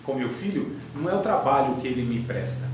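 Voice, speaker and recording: A man's voice: medium pitch, animated, brisk, noisy background. A man teaching a conversational theology class in a classroom, telling stories and joking with his students. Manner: storytelling, chatty, laughs with class. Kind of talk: conversational church class lesson. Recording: echoey classroom from far off.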